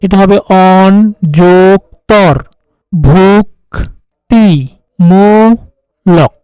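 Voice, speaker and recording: A man with a fairly high voice and a Bangladeshi Bengali accent gives an exam-prep grammar lesson. He reads each option in turn and explains the answer steadily. The recording is close and dry, with almost no room sound. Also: darkish tone, clean tone, no echo, poor audio. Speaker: teacher solving exam questions.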